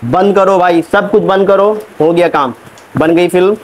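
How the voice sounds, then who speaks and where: A man playing a fed-up shouting film director. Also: sits high, crowd noise, natural voice, low-quality recording. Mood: exasperated. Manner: scolding, exasperated, calls out cues slowly. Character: impatient shouting male film director, adult. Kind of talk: comic short film acting.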